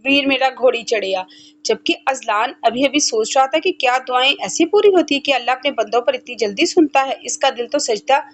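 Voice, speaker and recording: A woman giving a steady scripted narration of a romance novel. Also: high-pitched, fairly quick, hardly any pauses, slight background noise. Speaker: novel reader.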